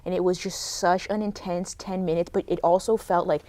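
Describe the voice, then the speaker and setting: Chatty young woman with a lowish voice. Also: fairly even intonation, brisk, dark tone. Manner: chatty, lots of "like" fillers. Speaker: podcast co-host reviewing a film. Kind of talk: casual chat.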